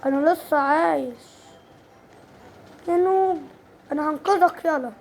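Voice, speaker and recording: A woman with an Egyptian Arabic accent giving casual, excitable gameplay commentary, breaking into sudden squealing exclamations. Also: sits high, unhurried, vocal fry, slight background noise. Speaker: gaming channel host.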